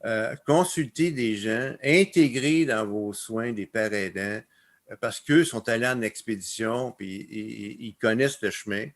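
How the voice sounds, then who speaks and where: A conference speaker with a Québécois accent presents slides on a webinar, telling animated stories and laughing often. His voice is fairly low and a little slow.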